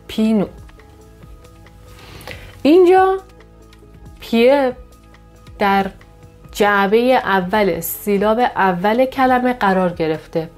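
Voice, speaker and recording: A woman teaching a language lesson, explaining pronunciation rules step by step and saying each example word slowly and clearly. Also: medium pitch. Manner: patient, explains with examples, pronounces model words slowly and brightly.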